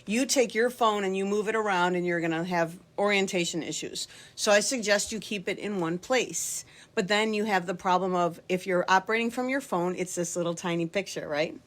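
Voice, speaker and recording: A woman's voice: medium pitch, fairly quick, few pauses. A middle-aged woman and line dance instructor, talking casually and jokingly to camera from her home basement. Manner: talkative, joking, acts out voices in her anecdotes. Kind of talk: casual chatty tutorial to camera.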